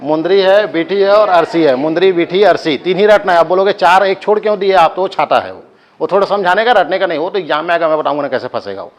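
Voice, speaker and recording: A man's voice: a little high, lively intonation, fast. A male coaching teacher with a Chhattisgarhi accent, giving a live class lecture, drilling students with chanted repetition and joking asides.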